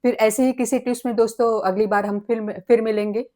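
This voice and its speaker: A woman giving a relaxed spoken piano lesson, patiently counting tones and semitones and singing note names as she plays. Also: a little high. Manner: slow and patient, counting notes aloud. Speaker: piano teacher.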